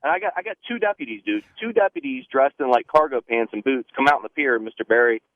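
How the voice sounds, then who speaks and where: A man's voice: medium pitch, very animated, fast talker, no echo. A man calling in to a radio show, ranting in an exasperated way and saying "dude" and "man" a lot. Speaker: caller. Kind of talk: casual phone-in chat. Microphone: telephone. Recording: tinny phone line.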